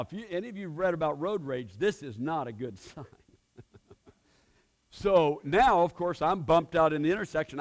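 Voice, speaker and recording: A middle-aged man preaching a sermon in a fairly high voice. He tells his story in a chatty way. He drops to quiet asides, then bursts out loud to stress a point. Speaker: pastor.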